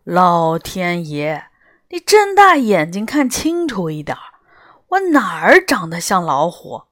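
A woman voicing a grumpy, fierce male tiger-like beast in a storybook, speaking in a gruff, curt and irritable way. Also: on the low side, very animated, slow pace, fairly bright tone, no echo, studio quality, heavily acted. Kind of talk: storybook character voice.

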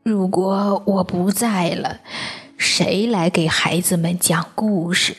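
This is a worn-out old grandfather storyteller, put on by a woman reading a picture book. He speaks slowly and heavily, sighing through his words, a little lower and breathier than the reader's own voice. Gentle music plays quietly behind him. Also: expressive. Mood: sorrowful. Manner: slow, sighing, heavy delivery.

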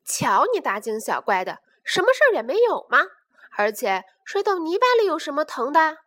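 A woman's voice: high-pitched, big pitch swings, moderate pace, fairly bright tone. A woman voicing a mischievous little boy bear cub in a storybook reading. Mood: scolding. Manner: teasing, later apologetic.

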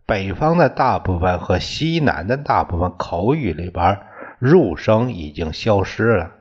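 A man teaching a class in a slow, deliberate way, often restating his terms. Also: sits low, sing-song, breathy edge. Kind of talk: lecture on classical poetry tones. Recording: dull lo-fi recording.

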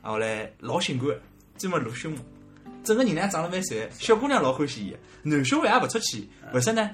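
A man's voice: fairly high pitch, fast, faint music behind. A man with a Shanghainese accent hosting a podcast, chatting and telling stories in a joking way. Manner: lively, joking storyteller. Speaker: podcast host. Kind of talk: casual chat.

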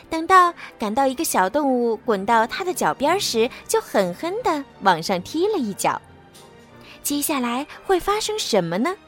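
A woman narrating a children's story in an expressive storybook manner. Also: sits high. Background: soft background music.

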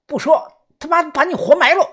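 A man voicing a crude, jumpy young man who jokes and swears loudly. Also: sits high, wildly swooping pitch, normal speed, slightly rough, voice pushed up, heavily acted. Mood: shouting. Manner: crude, loud, teasing.

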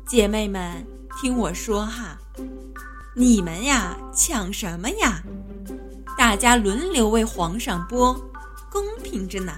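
A woman's voice: medium pitch, expressive, takes it slowly. A woman voicing a shrewd imperial consort who sees through schemes and coaxes the others along. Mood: coaxing. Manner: knowing, coaxing. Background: background music.

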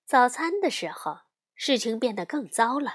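A woman reading a children's picture book aloud in an expressive storytelling manner. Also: fairly high pitch, normal speed, breathy edge.

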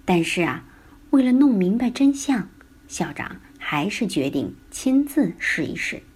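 A woman storyteller narrating a bedtime story, gently addressing small children. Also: mid-range voice, big pitch swings, a little slow, husky.

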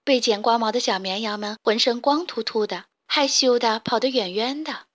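Brief: female narrator for a kids' storybook, gentle and clear, fairly high pitch. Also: normal speed.

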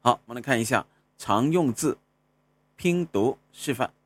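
A man's voice: medium pitch, lively intonation, no echo. A man teaching pronunciation in a recorded lesson, repeating single syllables and sliding them up and down to show each tone. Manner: slowly sounds out and repeats syllables, sliding up and down through tones. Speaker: Cantonese language teacher.

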